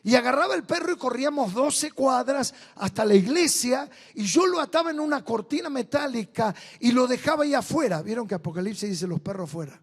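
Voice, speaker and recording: A man with a high, bright-pitched voice and an Argentine Rioplatense accent, preaching at a church meeting. He preaches through personal stories, dropping to soft, confiding asides and then rising into loud bursts. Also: fairly quick, few pauses, husky. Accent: Argentine Rioplatense Spanish. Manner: animated storyteller, swings between soft intimate asides and loud bursts. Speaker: pastor. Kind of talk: storytelling sermon. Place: church meeting with live audience.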